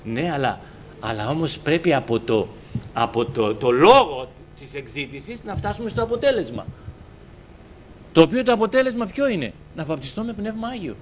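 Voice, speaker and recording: A man's voice: a little high, lively intonation, dull audio, slight background noise. A man preaching a sermon, reading scripture and then exhorting the congregation, rising emphatically on his questions and calling them beloved brothers. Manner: addresses listeners as beloved brothers.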